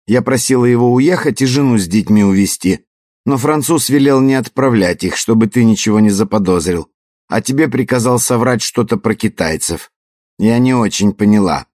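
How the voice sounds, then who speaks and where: A man's voice: mid-range voice, normal speed, a little mellow, dry recording, studio quality, voice pushed up, lightly acted. A man voicing a vengeful, mocking old woman poisoner in an audiobook, with a cold, triumphant manner. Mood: coldly satisfied.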